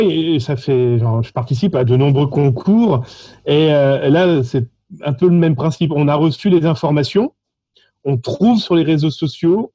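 A man from France with a French accent, telling stories animatedly in a lively, joking way about his contest calls. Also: a little high, no room sound, lo-fi sound. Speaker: social engineering contest participant. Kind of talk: animated conversational storytelling.

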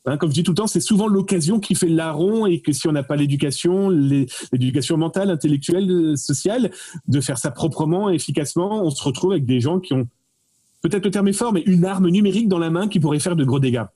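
A man's voice: a little high, fast, mellow, breathy edge. A man explaining a story in casual chat, digressive with frequent fillers and restarts. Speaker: guest expert.

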